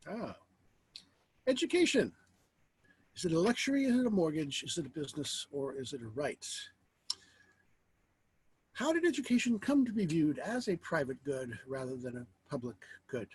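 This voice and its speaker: A man lectures informally on philosophy in a very husky, slightly high voice. He is reflective and halting, often pausing to pose rhetorical questions. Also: sing-song, dry recording.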